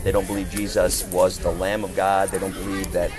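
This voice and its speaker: Loud music plays behind this man, whose voice sits low and barely moves in pitch as he talks fairly quickly. He is a big-voiced, loud street preacher holding forth in open-air discussion, emphatic and declamatory and relying on rhetorical questions.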